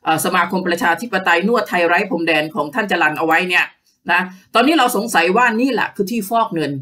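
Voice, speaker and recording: A woman's voice: lowish voice, fast, bright, forceful tone, recorded from a distance. A woman hosting a political commentary show, mocking her targets with a sarcastic, scornful delivery and constant polite particles. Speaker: host of a political commentary page.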